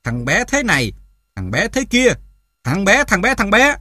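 A man voicing a cruel, drunken mother in an audiobook, shouting in a shrill, sneering way. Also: slow, no echo, studio quality, lightly acted. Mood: mocking. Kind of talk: audiobook character voice.

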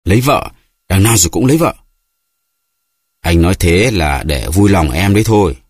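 A man's voice: low voice, lively intonation, normal speed, a little mellow, husky, no echo, studio quality. A man voicing a flustered husband who pleads and protests in exasperation. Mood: pleading.

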